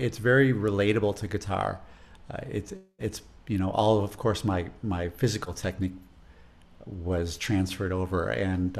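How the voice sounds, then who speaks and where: A man's voice: on the low side, vocal fry. A man with a Chicago accent who teaches music, talking casually in an interview. He is thoughtful and rambling, and often repeats words as he gathers his thoughts.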